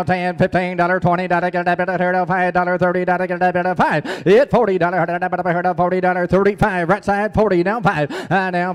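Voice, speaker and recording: An American man doing a rhythmic auctioneer chant, calling bids with rapid, repetitive filler syllables into a handheld microphone. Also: high-pitched, clear, resonant tone. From Indiana, United States. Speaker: auctioneer, championship contestant. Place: indoor contest stage in a hall. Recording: reverberant hall PA sound.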